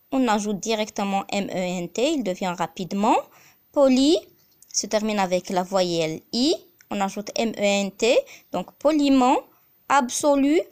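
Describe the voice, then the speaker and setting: A woman's voice: on the high side, darkish tone. A woman teaching a grammar lesson as a voice-over, spelling out letters and repeating each example.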